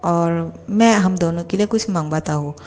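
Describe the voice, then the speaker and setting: Young male boss, put on by a woman, bossy, lovesick, clingy, teasing, lowish mellow voice, fan storybook. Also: moderate pace, lightly acted. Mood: flustered.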